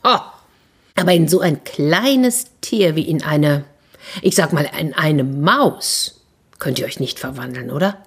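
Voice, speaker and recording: A woman storyteller voicing a sly, flattering talking tomcat in boots who orders farm workers about and sweet-talks a wizard. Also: low-pitched, measured pace, slightly rough, full character voice. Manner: bold, persuasive, theatrically flattering.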